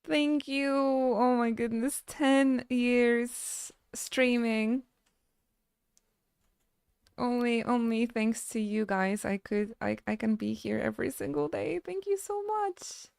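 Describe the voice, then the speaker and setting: A woman game streamer chatting casually with her live audience, halting and stammering as she thanks viewers between frequent laughs. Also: a little high, fairly even intonation, gravelly, darkish tone, smooth, no echo, studio quality.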